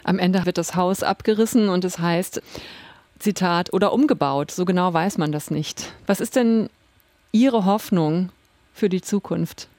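A woman hosting a literary radio podcast, asking clear questions and reading announcements in a composed way. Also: lowish voice, measured pace, darkish tone, no room sound. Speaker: radio host.

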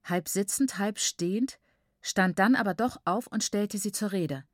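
A woman with a medium-pitched voice narrates an audiobook in a measured, even storytelling style. The studio recording is clean, with no room sound.

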